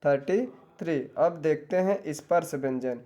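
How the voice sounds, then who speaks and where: Man, exam coaching teacher, a little high-pitched, repeats each point as a question then answers it. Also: moderate pace, dark tone, muffled recording. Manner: addresses viewers directly, tells them to take notes. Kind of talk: exam-prep grammar lesson.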